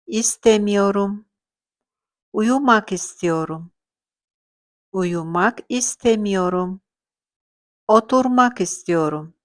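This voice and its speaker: A woman reading short phrases one at a time with pauses, as a language teacher running a drill. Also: medium pitch.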